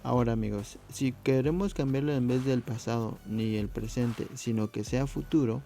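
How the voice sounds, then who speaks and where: Gravelly-voiced man teaching a language lesson. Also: medium pitch, dark tone, soft background music. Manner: patient, repeats words slowly to model pronunciation; addresses viewers often as friends. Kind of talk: casual video lesson.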